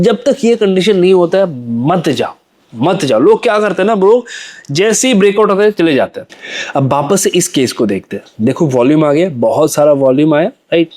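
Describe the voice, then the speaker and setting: A man's voice: fairly high pitch, mellow. A young man explaining trading charts as a lesson, asking questions and answering them himself, repeating phrases for emphasis. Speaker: trading educator.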